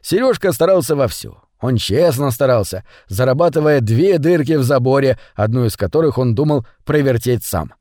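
A man narrating a children's story audiobook in an expressive storytelling manner. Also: mid-range voice, moderate pace, hardly any pauses, no echo, clean studio sound.

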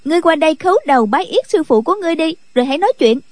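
A man's voice: extremely high pitch, lively intonation, brisk, no echo, pitched above the performer's own voice. A man voicing a mischievous young girl who teases and bosses others around in an audiobook. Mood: teasing. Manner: cheeky, giggling, bossy. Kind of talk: audiobook character voice.

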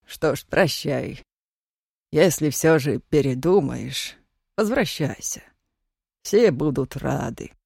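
A reader plays a gruff older man who runs a youth colony, his voice dropped lower than the narration and slowed down. Each line comes out stern and measured, close and dry. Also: lively intonation, a little mellow, dry recording, exaggerated voice.

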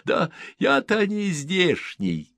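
A man voicing a kindly male alien pilot in whispered role-play, speaking in a soft, polite whisper. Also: sits high, wildly swooping pitch, slow, vocal fry, no echo, pitched above the performer's own voice, full character voice. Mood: gentle.

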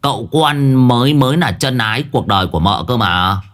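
A man's voice: mid-range voice, lively intonation, moderate pace, fairly bright tone, lightly acted. A man voicing a whining old male spirit medium, whimpering and fussy.

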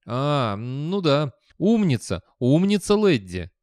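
A man's voice: on the high side, very animated, takes it slowly, a little mellow, dry recording, clean studio sound, voice pushed up. A man voicing a jittery, unsure young man who talks with anxious hesitation. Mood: uneasy.

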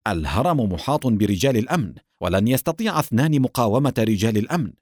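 A man's voice: mid-range voice, fast talker, dry recording, clean studio sound, natural voice. A man playing a cool, cunning hero. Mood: tense. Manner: calm, bluffing. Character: brave young male hero, cool and cunning.

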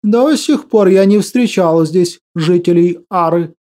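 Male narrator playing an eccentric talker: slow and earnest, mellow tone. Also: high-pitched. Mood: musing. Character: talkative eccentric male patient, grand cosmic titles.

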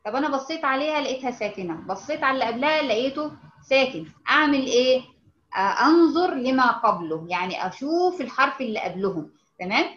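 A woman with an Egyptian Arabic accent teaching recitation, explaining patiently and modeling words slowly with repetition. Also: high voice, lively intonation, fairly bright tone, roomy sound, dull audio, slight background noise. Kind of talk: informal online lesson.

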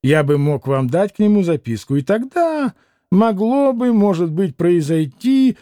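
A haughty male doctor who answers in short, clipped phrases and sounds impatient, read by a man. The voice sits high but stays mellow. The recording is dry and close. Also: sing-song, a little slow, dry recording. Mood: curt. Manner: curt, clipped speech.

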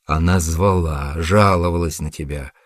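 A man's voice: a bass voice, measured pace, no room sound, studio quality. A man reading the part of a worldly middle-aged uncle, ironic and teasing in a storybook reading.

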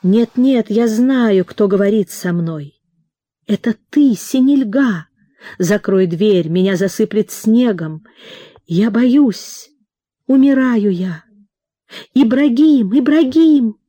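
Fevered young guy crying out in a dream, read by a woman, slow, low warm tone. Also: no room sound, studio quality. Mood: frightened. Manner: pleading, agitated exclamations. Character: young man, passionate and troubled.

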